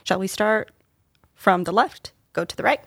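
A woman's voice: medium pitch, animated, moderate pace, fairly bright tone, dry recording, studio quality. A woman in her twenties moderating a student podcast, friendly and conversational with some filler words. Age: 20s.

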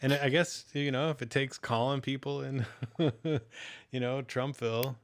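A man's voice: medium pitch, fairly even intonation, measured pace. A man co-hosting a casual panel chat, talking in an earnest, musing way. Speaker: podcast co-host.

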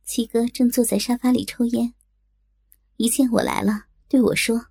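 Brief: higher-pitched woman storyteller, unhurried and breathy, close dry mic, soft music underneath. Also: steady tone, no echo. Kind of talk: first-person audio story narration.

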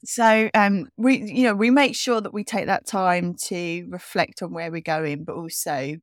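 A woman co-hosting a podcast in casual, self-mocking chat, with a croaky morning voice. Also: fairly low pitch, fairly even intonation, dry recording, studio quality. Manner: chatty, self-mocking, quick restarts. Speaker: podcast co-host.

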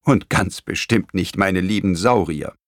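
A man voicing a kindly, caring older grandmother in a storybook reading, gentle and sighing. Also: low-pitched, measured pace, dry recording, studio quality. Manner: gentle, warm-hearted, sometimes sighing.

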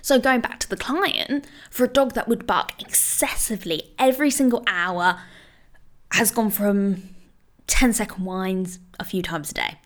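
A woman's voice: mid-range voice, unhurried, a bit bright. A woman dog trainer giving casual, encouraging advice, talking loosely with many "you know" and "like" fillers. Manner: reassuring, encouraging.

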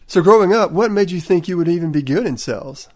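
A man's voice: sits high, animated, quick pace, darkish tone. Man with a Tennessee accent hosting a podcast. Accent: Tennessee, Southern US. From Tennessee, USA. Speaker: podcast host. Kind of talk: podcast introduction and interview.

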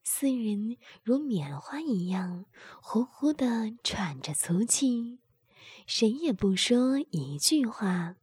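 Slow whispering woman narrator, whispered role-play. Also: on the high side, lively intonation, darkish tone, slightly rough, no room sound.

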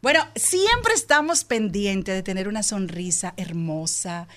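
A woman, a co-host who gives beauty tips in a relaxed, measured way. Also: medium pitch, soft background music. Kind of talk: radio talk show segment.

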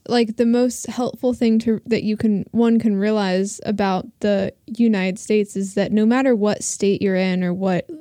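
A woman from North Carolina chatting casually, hesitant with fillers and quick to agree. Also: mid-range voice, warm tone, no echo, clean studio sound. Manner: chatty, hesitant, laughs along. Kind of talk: casual chat.

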